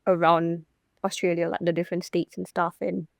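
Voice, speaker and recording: A young woman from Singapore speaks in a relaxed interview as a professional golfer. Her voice sits low, and the sound is dry and close with no room around it. She talks casually, full of fillers and small restarts. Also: fairly quick, creaky, dry recording. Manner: chatty, many fillers and restarts.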